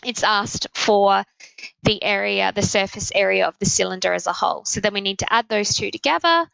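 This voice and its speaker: A woman with a croaky, sore throat explaining a maths problem step by step as a teacher. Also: medium pitch, lively intonation, fast, pushed and bright, dry recording, highs cut off. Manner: working through sums step by step.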